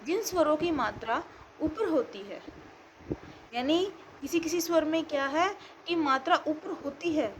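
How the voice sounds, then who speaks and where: High-voiced woman teaching a grammar lesson. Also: a little slow, slight background noise, poor audio. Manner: explains step by step, asks and answers her own questions. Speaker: school teacher.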